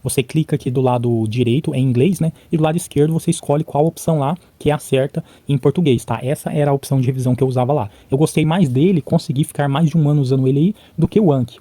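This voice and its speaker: Fast, dark-voiced chatty man. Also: fairly high pitch, no echo. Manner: chatty, frequent "tá?" and "né?" check-ins; replays conversations by imitating both sides. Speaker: vlogger. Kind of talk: casual talk to camera about learning English.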